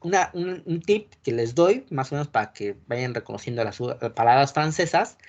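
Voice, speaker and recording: Mexican man teaching a class, lo-fi. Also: fairly high pitch. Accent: Mexican Spanish. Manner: explanatory, keeps checking in with the class. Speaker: wine course teacher. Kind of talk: classroom lecture.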